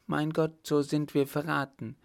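A man's voice: fairly high pitch, level tone, unhurried, creaky, voice pushed up. A man reading an audiobook voices a frightened young noblewoman in a raised voice. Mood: fearful.

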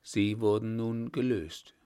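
Man, audiobook narrator, calm measured reading, low voice, very slow. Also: clean tone. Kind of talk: scripted narration.

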